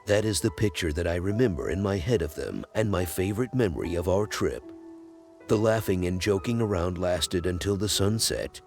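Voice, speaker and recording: A man reads a scary story aloud with a very deep, gravelly voice. His delivery is measured but rises and falls with a lively pitch range. Soft music plays faintly behind him. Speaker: horror story narrator. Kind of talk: scripted narration.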